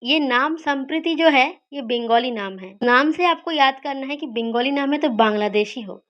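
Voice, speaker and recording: A woman teaching study mnemonics, repeating key words slowly and asking and answering her own questions. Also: high-pitched, dull audio. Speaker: teacher of memory tricks.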